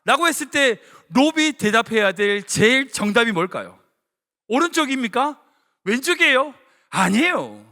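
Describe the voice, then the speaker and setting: Korean-church pastor type: high, bright male voice, lively storytelling sermon, big reverberant sanctuary. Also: moderate pace. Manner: animated storytelling, acting out dialogue. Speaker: senior pastor. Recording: long reverb of a church hall.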